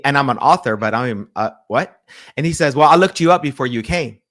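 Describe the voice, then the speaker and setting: In a mid-range voice and fairly quick delivery, a man who works as a pastor and publisher shares a story during a casual interview. His retelling is lively, with acted-out dialogue and many sentence restarts.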